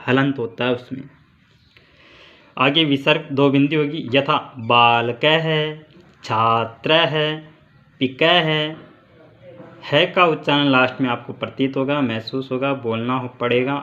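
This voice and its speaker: A man teaching a school Sanskrit grammar lesson, asking questions and answering them himself, and spelling sounds out slowly syllable by syllable. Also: on the high side, a bit bright, lo-fi sound.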